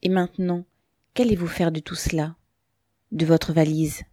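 A woman voicing a thoughtful, quiet bearded male peasant who speaks low and pensively, read from a storybook. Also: flat delivery, normal speed, no echo, studio quality.

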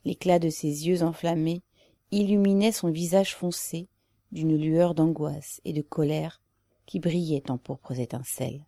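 Slow, low-voiced woman reading aloud. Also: no room sound, clean studio sound. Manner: measured, even reading. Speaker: narrator. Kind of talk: audiobook narration.

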